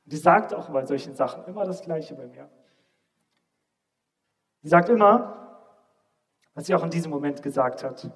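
A man preaching a sermon and telling a personal story, swinging between loud, emphatic stretches and almost whispered lines. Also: on the high side, animated, moderate pace, pauses often, in a large hall.

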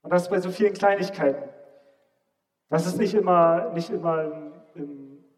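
A man with a fairly high voice delivers a sermon built around a personal story, addressing the congregation directly. His delivery swings from loud, insistent emphasis to quiet, nearly whispered lines. The long tail of a large hall follows every phrase. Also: normal speed. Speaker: preacher.

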